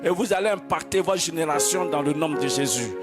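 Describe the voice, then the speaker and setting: A male pastor delivers a fervent, declamatory sermon, his slightly high voice drifting into chanted praise. Loud worship music plays underneath him throughout. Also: fairly quick. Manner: exhorting, declamatory, slips into chanting. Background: loud church music.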